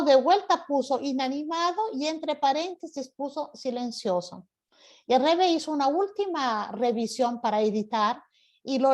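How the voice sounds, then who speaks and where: A woman's voice: high-pitched, a little mellow. A woman teaching an online class over a video call, explaining patiently and often asking rhetorical questions.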